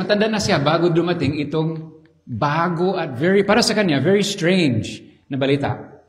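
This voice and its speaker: Animated male preacher telling a story. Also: a little high. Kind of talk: sermon storytelling.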